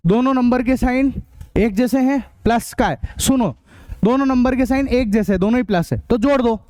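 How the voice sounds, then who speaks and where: A man teaching a math class, drilling rules and quizzing students with quick questions, sometimes blunt and scolding. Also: very high voice, darkish tone, dry recording. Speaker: math tutor. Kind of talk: online class lecture.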